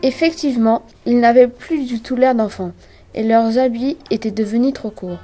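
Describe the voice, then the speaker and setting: A woman narrating a children's adventure story aloud in a lively, brisk storytelling manner. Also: on the high side, faint music behind.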